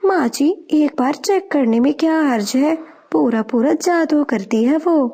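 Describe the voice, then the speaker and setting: Cartoon crow girl played by a woman, sly, flattering, high, gravelly. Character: young female crow, sly schemer.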